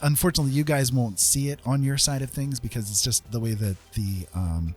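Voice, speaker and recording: Music plays under this livestream, where a digital artist with a brisk, husky, mid-range voice chats casually while painting. His talk wanders, pokes fun at himself, and is full of chuckles.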